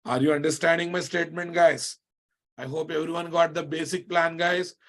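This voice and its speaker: A man's voice: fairly high pitch, little pitch movement, moderate pace, a bit bright. A man with an Indian accent lecturing a live online programming class, often repeating his phrases and checking that listeners follow. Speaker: programming instructor.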